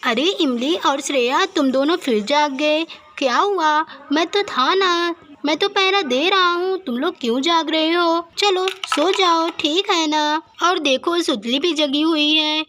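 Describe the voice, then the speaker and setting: A woman playing a caring village brother in a doll story, reassuring and protective. The voice sits high and sounds bright, close to her own. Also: a little slow, few pauses, a little hiss or hum. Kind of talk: doll story role-play.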